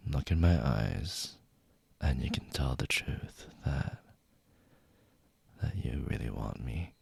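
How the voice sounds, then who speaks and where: Casting: male actor as flirty bully leading man for whispered ASMR role-play; heavy vocal fry, husky, close dry sound, intimate taunting delivery. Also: extremely low pitch, a little mellow, dry recording, exaggerated voice. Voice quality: husky, gravelly.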